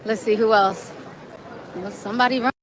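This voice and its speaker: A woman with a medium-pitched, steady voice livestreams a casual vlog while walking along a busy city street, chatting and laughing with viewers and sometimes running, so she's occasionally out of breath. She holds her phone camera in hand, and the crowded street adds crowd chatter and some distant pickup.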